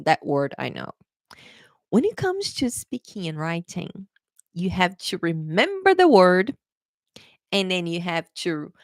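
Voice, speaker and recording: A young adult woman from Brazil, an English teacher with a Brazilian Portuguese accent, chats through a live-streamed exam prep lesson. Her voice is lowish, and the clean studio sound has no room tone. She repeats key points and calls her viewers "guys."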